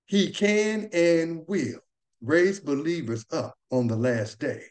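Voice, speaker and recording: A man's voice: fairly high pitch, animated, slow pace. Man teaching a Bible lesson.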